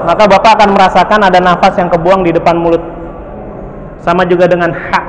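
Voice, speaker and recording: A Quran recitation teacher leads a tajweed class in a large mosque hall, patiently drilling syllables for his students to repeat. His voice is high, flat and quick, and the recording is echoey with faint background noise.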